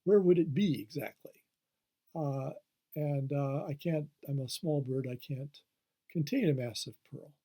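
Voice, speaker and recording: A man's voice: a little high, measured pace, warm tone. A man voicing a clever small talking bird from a fable, teasing and lecturing with hesitant fillers. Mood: scolding.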